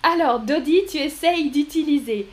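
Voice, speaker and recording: A woman's voice: sits high, normal speed. A woman with a French accent teaching French on a live stream, patiently repeating phrases and answering viewers' comments. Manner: reads viewers' chat comments aloud. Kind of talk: live-streamed language lesson.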